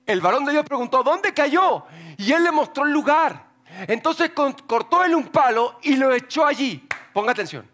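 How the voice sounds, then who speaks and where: High-voiced animated male pastor. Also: moderate pace. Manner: animated, joking, acts out voices while reading scripture. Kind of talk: lively sermon. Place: church.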